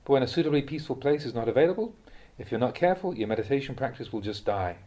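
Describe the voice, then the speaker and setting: In audiobook fashion, a man delivers spiritual teachings translated from Buddhist sources, his mid-range voice warm in tone and animated. Each phrase comes across distinctly, with a measured, teaching manner.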